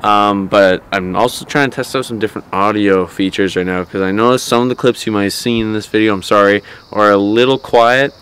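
A man's voice: on the low side, steady tone, fairly quick, few pauses, fairly bright tone, a little hiss or hum, poor audio. A man talking casually to camera for his car vlog, rambling and correcting himself as he goes, recorded on a camera-mounted shotgun mic. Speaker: car vlogger.

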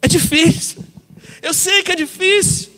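A Brazilian man preaches with a very high voice, telling stories to the congregation. Long reverb from the church hall trails each phrase. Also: fairly even intonation, measured pace, bright, forceful tone. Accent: Brazilian Portuguese. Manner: storytelling, addresses listeners as brothers. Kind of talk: sermon.

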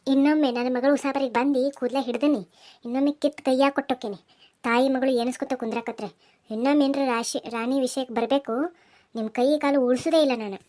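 A woman voicing a stern, protective middle-aged village aunt who scolds loudly, with a North Karnataka Kannada accent. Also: high voice, fairly even intonation, quick pace, lightly acted. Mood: scolding. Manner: scolding, threatening, loud.

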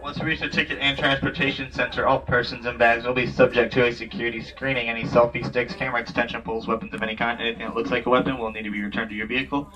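Fast-talking man on a tram loudspeaker. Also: medium pitch, little pitch movement. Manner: brisk, repeats instructions. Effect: announcing over a tram loudspeaker. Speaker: tram attendant. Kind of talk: safety announcements and park information. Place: outdoor theme park tram stop. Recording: distant loudspeaker voice with outdoor noise.

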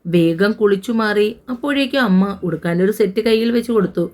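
A woman reading a romance audio novel aloud in a steady narrating voice. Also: mid-range voice, fairly quick. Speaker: storyteller.

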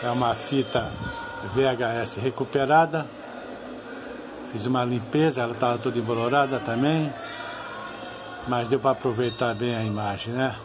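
A man's voice: mid-range voice, fairly even intonation, normal speed, long pauses, noisy background. A Brazilian man giving informal, nostalgic commentary as a channel host over old fight footage, often ending phrases with tag questions.

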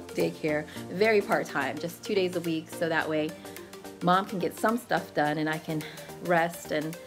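A woman vlogger in casual chat, talking in a chatty, rambling way with many fillers. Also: lowish voice. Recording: background music clearly heard.

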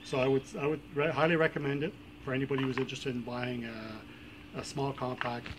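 Out on a driveway, a middle-aged product reviewer talks briskly at medium pitch with little variation, stumbling through fillers and restarts as he casually shows the item. A distant camera mic picks him up along with background noise.

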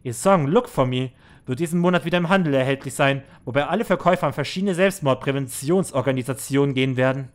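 A man's voice: mid-range voice, fast talker. A man reading game text aloud and commenting in a let's play, earnest and somber, with small restarts.

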